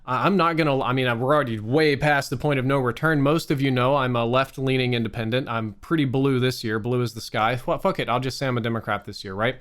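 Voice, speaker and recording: A man's voice: medium pitch, quick pace, hardly any pauses, fairly bright tone. An American man giving a candid, exasperated rant to his viewers, swearing freely and stressing words by drawing them out. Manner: profane, exasperated. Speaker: online streamer.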